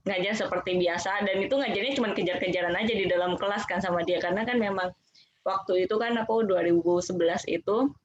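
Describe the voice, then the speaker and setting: A woman's voice: medium pitch, lo-fi sound. A woman teacher of special-needs children telling her story in a casual, chatty way, full of fillers. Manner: chatty, heavy use of fillers. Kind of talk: casual live chat storytelling.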